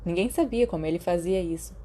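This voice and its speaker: Reading a scripted story like an audiobook, a podfic narrator with a Brazilian Portuguese accent speaks quickly in a fairly low, mellow voice. She narrates the fiction and acts out the dialogue.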